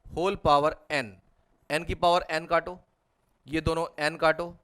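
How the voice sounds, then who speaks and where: Man, maths tutor, fairly high voice, step-by-step board working. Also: little pitch movement, takes it slowly, fairly bright tone. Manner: talks students step by step through working out each problem. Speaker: mathematics tutor. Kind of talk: whiteboard problem-solving lecture.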